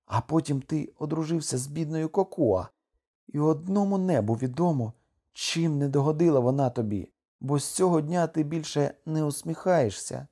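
A man's voice: fairly high pitch, animated, moderate pace, dark tone, voice pushed up. A man voicing a desperate young island wife. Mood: bitter. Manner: pleading, raised, emotional delivery. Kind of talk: audiobook character reading.

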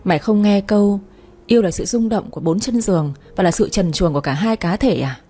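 Woman doing a crude bossy girlfriend, teasing, mellow breathy tone, faint music. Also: medium pitch, brisk, lightly acted. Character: brash loud-mouthed young woman best friend.

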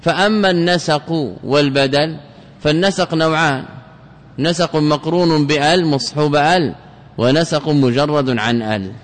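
Man lecturing in a reverberant hall. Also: a little high. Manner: repeats phrases, recites quoted lines slowly and deliberately. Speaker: teacher of Arabic grammar. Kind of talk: classical lecture explaining a text. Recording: long reverb of a large hall.

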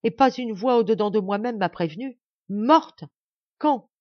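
A woman reading an audiobook, voicing a desperate young man in his grief with loud, anguished outbursts. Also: fairly low pitch, lively intonation, moderate pace, dry recording, muffled recording.

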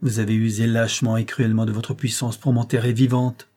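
Guy doing a trapped noblewoman, furious, hissing thru her teeth, loud and raised, kinda husky. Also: mid-range voice, level tone, fairly quick, close to an everyday voice. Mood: anguished. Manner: hissing through clenched teeth.

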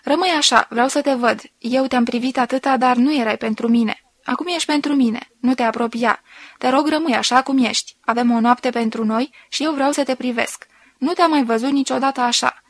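A woman voicing a sensual woman who slowly and softly reads out an intimate love letter. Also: sits high, no echo. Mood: intimate, tender. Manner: slow, soft, intimate reading.

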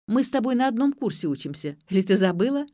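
A woman doing a smooth, confident young man. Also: on the high side, sing-song, fast, mellow, no room sound, clean studio sound, voice pushed up. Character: smooth-talking young male student.

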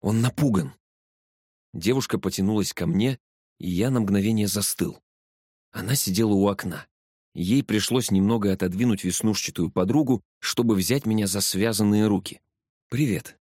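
A man narrating a first-person story with a steady storytelling delivery. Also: on the low side, moderate pace, dry recording, clean studio sound. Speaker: audiobook narrator.

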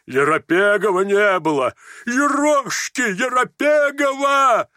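A man voicing a distraught old drunken army general who rants in slow, stammering, theatrical exclamations. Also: high voice, animated, fairly bright tone, dry recording, clean studio sound, voice pushed up, full character voice. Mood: wailing. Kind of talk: audiobook character voice.

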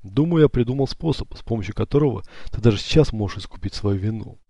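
A man's voice: lowish voice, expressive, fast talker, gravelly, mellow, no echo. A man voicing a young male assassin who growls fierce threats, in an audiobook. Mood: cold.

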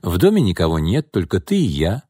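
A man voicing a drunken, pushy middle-aged businessman in an audiobook, needling, bitter and rising into angry shouts. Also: sits low, wildly swooping pitch, a little fast, breathy edge, no room sound, studio quality, full character voice. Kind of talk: audiobook character reading.

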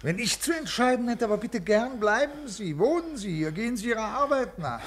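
A man's voice: very high voice, animated, a little fast, a little hiss or hum. An actor playing a stiff, rule-bound male official who speaks formally, in classic radio drama style. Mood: lecturing. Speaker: government official.

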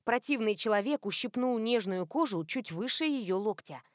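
Woman narrator, expressive storybook reading, slightly high voice, dry close sound. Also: normal speed, dry recording. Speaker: audiobook narrator. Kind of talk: scripted narration.

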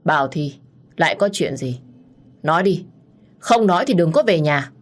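A woman voicing a hot-tempered middle-aged father, stern and gruff, in a low voice. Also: normal speed, darkish tone.

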